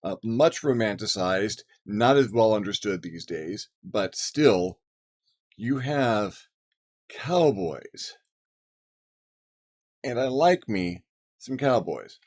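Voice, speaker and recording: A man's voice: fairly low pitch, expressive, slow, pauses often, darkish tone. A man hosting a casual, rambling monologue about game ideas, with many fillers and restarts. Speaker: host. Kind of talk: casual monologue on tabletop gaming.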